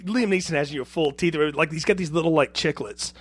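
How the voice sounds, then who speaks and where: A man with a somewhat high voice co-hosts a casual film review podcast. He talks in an animated way, acting out short quotes and restarting his sentences often. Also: fairly quick. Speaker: podcast co-host.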